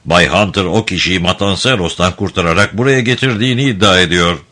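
A man's voice: low voice, a little fast, bright, forceful tone. A man voicing a stern male court official who questions a witness in a formal, probing way. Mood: questioning.

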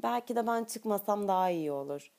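A woman's voice: medium pitch, lively intonation, fairly quick, creaky, a little mellow. A woman voicing a shy, unsure young woman in an audiobook, slightly raised and pleading. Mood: bashful.

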